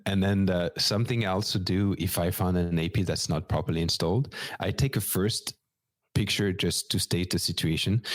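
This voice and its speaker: A podcast co-host with a French accent and a low voice methodically walks through practical steps in a casual technical conversation. There is no room sound.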